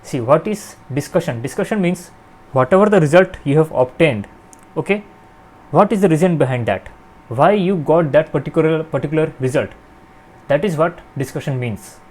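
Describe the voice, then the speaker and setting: A man's voice: fairly high pitch, lively intonation, moderate pace, darkish tone. Man explaining step by step. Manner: frequent "okay" and "uh" fillers, explains step by step. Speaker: channel host teaching research writing. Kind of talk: explanatory lesson.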